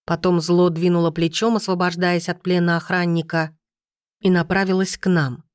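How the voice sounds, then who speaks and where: A woman's voice: on the low side, little pitch movement, normal speed, smooth, dry recording, studio quality. A woman narrating a first-person fantasy audiobook in an urgent, emotional way.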